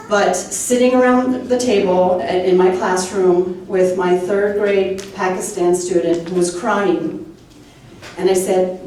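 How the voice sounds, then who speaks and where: A woman's voice: on the low side, a little mellow, slight background noise. Heartfelt woman rallying a meeting. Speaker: state representative. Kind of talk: campaign speech. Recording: echoey room from far off.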